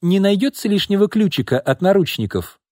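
An impulsive young woman speaks in a high, shrill, excited voice, far above the reader's own register, as a male narrator puts her on. The audiobook recording is dry and close. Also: a little fast, no room sound. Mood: pleading.

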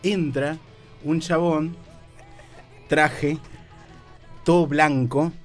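A man's voice: a little high, fairly even intonation, very slow, faint music behind. A man with an Argentine accent telling a comic story on a radio show, rambling and stammering, often restarting his words. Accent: Argentine Rioplatense. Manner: rambling, self-interrupting, nervous stammer. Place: radio studio.

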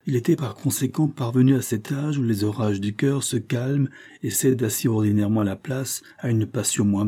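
Husky, dark-voiced male reader. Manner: measured reading, raising pitch and volume for dialogue. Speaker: audiobook reader. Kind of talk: scripted narration of a historical novel.

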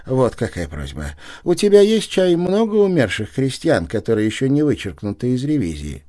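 A man voicing a smooth, evasive male schemer who wheedles and takes offense with dignity, in a lively voice. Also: mid-range voice, moderate pace. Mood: wheedling.

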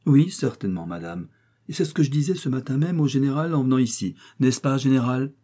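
A man's voice: medium pitch, animated, a little fast, mellow, pitched above the performer's own voice, close to an everyday voice. A man reading an audiobook voices a snobbish, boastful wealthy provincial lady with an affected manner. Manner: affected, prattling, fishing for agreement.

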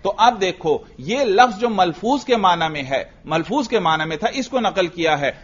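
A man's voice: high-pitched, lively intonation, fairly bright tone, muffled recording, a little hiss or hum. A man teaching a lecture class, explaining step by step and asking himself questions before answering them. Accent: Urdu. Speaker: teacher of Arabic grammar.

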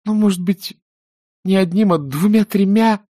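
A man voicing a gentle, bewildered middle-aged wife who talks softly and patiently. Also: sits high, measured pace, no room sound, clean studio sound, voice pushed up. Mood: soothing. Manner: soft, soothing, patient.

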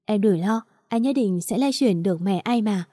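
A gentle, devoted young man in a storybook reading, soft and reassuring, read by a woman in her own voice. The tone is mellow and the sound is close and dry. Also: medium pitch, moderate pace, husky, no room sound, close to an everyday voice.

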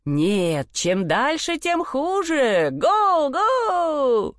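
A woman voicing a cheerful, simple-minded young peasant lad in a storybook reading, loud and boastful. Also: a little high, animated, a little slow, no echo, studio quality. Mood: rowdy glee. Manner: boisterous, whooping, boastful.

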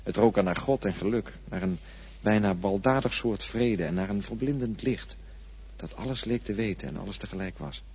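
This radio drama performance has an actor as a dead man waking, bewildered, inside a coffin and haltingly recounting what he witnessed. The lowish, darkish voice is close to an everyday one, dazed and wondering, dreamy as he searches for words. Sound is dull lo-fi with faint hiss.

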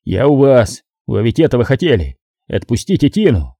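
A man as a grim, enraged man in an audiobook, growling clipped words in a very dark, husky voice. The sound is dry and close. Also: medium pitch, sing-song, normal speed, dry recording. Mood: furious. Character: grim enraged man, desperate father figure. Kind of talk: audiobook character voice.

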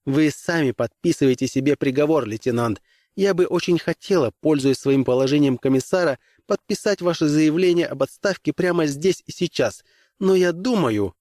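A man's voice: a little high, lively intonation, moderate pace, darkish tone, dry recording, clean studio sound, pitched above the performer's own voice, natural voice. A man playing an icy female commissar. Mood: cold. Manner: icy, clipped, lecturing. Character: stern, cold middle-aged woman commissar.

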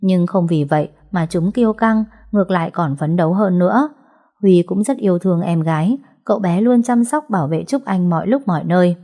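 A woman narrating a story in a calm, even, scripted storytelling manner. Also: fairly low pitch, a little fast.

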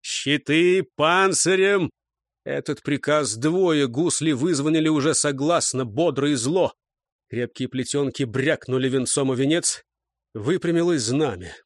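A man's voice: medium pitch, moderate pace, no echo, studio quality. A man narrating an audiobook in a dramatic, vivid reading style.

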